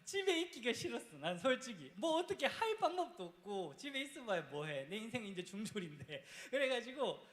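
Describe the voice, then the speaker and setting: A man from Busan, a church youth teacher telling his own story to a youth group in a casual, animated way. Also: high voice, a little fast, hardly any pauses. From Busan, South Korea. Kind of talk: testimony talk to church youth. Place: church basement hall. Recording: echoey hall.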